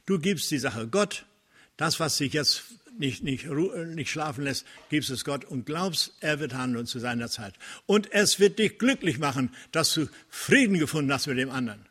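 A man preaching a sermon in an earnest way, slowing down to stress key phrases. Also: fairly high pitch, breathy edge. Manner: earnest, preaching with Bible quotes, occasional restarts and hesitations; slows down and gets louder to stress key phrases.

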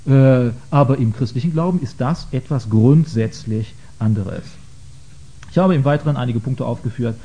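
A man lectures an audience on faith in an earnest, halting way, often stopping on filler sounds. His voice is dark and mellow at a middle pitch. The recording sounds dull and lo-fi.

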